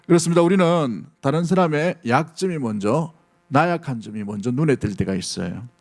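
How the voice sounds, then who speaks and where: A middle-aged man preaching a sermon to his congregation at a steady, middling pitch. He talks earnestly and in an everyday way, often turning to his listeners with questions. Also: brisk. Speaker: pastor.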